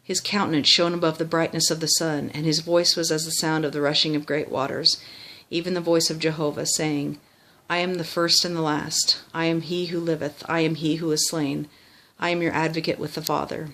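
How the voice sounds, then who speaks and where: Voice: mid-range voice, flat delivery, brisk, few pauses, a bit bright. Reciting a memorized religious text by rote. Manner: formal recitation with small stumbles and self-corrections.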